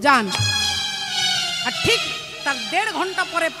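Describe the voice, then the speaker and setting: High-voiced woman kirtan preacher. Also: normal speed, long reverb tail. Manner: preaching story in half-sung cadence, addresses the audience directly. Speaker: kirtan singer. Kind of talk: devotional kirtan storytelling. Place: live outdoor kirtan pandal. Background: kirtan music with tabla.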